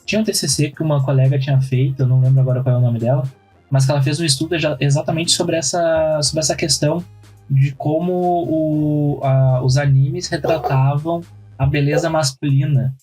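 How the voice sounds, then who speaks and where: A man's voice: fairly high pitch, steady tone, fairly quick, slightly rough, soft background music, rough recording. A young adult man, telling stories and reasoning aloud on a casual podcast. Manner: storytelling, reasoning out loud. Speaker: podcast co-host. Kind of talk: casual chat.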